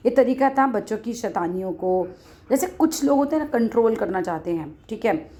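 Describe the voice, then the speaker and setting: A woman teaching an English text online, reading English lines slowly and explaining them in Hindi while asking the class questions. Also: fairly high pitch, lively intonation, dark tone.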